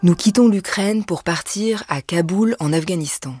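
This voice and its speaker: A woman presenting a radio documentary with measured, lyrical scripted narration. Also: lowish voice, a little mellow, breathy edge, no echo, studio quality, soft background music.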